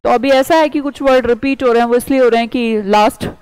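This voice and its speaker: A woman's voice: a little high, fairly even intonation, fast, darkish tone, clear, resonant tone, dry recording, low-quality recording. A woman teacher giving a vocabulary lecture, explaining words by asking questions and answering them herself.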